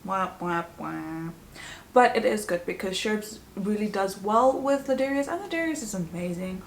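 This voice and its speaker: A woman's voice: medium pitch, animated, moderate pace, a little hiss or hum. A woman vlogger giving a casual, chatty review with sarcastic asides. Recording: roomy echo.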